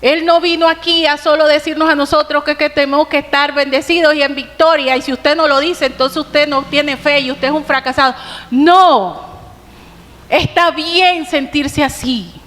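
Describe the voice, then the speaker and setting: Colombian woman preacher, high voice, earnest sermon full of questions, reverberant church hall. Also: steady tone, a bit bright. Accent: Colombian Spanish. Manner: earnest, rhetorical questions, slows for emphasis.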